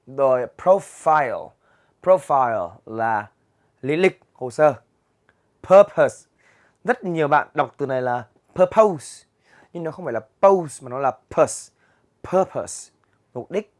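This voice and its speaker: Man, Vietnamese accent, English teacher, slow careful reading, patient explaining, classroom. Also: mid-range voice. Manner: explains patiently, reads English words aloud slowly. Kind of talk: vocabulary lesson for students. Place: classroom with a chalkboard.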